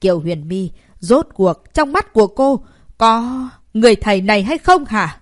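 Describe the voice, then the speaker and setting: A woman's voice: mid-range voice, lively intonation, moderate pace, dry recording, studio quality, close to an everyday voice. Woman doing a raging old male teacher. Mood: enraged. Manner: sputtering, outraged. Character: furious elderly male martial arts teacher.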